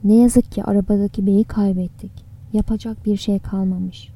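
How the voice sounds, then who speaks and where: A woman voicing a paramedic breaking bad news slowly and somberly in an audiobook. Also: medium pitch, little pitch movement, warm tone, slightly rough, distant mic.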